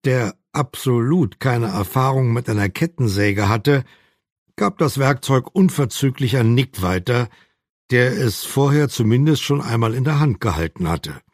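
A male audiobook narrator reads a novel in a calm, measured way, taking his time with each sentence. His voice sits at an ordinary middle pitch. The recording is close and dry, with no room echo. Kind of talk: scripted narration.

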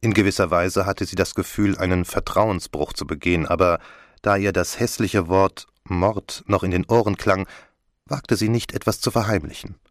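Calm low-voiced male audiobook narrator. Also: moderate pace, no room sound, studio quality. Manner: calm, even storytelling. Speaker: audiobook reader. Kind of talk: scripted narration.

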